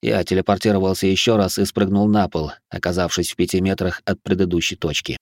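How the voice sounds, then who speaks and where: A man's voice: deep voice, flat delivery, fast, no echo. A man narrating a first-person audiobook with a tense, urgent delivery, close to the mic.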